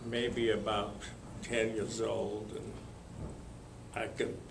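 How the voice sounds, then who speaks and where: Slow, gravelly older man from Lithuania. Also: fairly low pitch, level tone, echoey room, background noise. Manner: slow, halting, with many pauses and fillers. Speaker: Holocaust survivor telling his story. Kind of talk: spoken testimony to an audience.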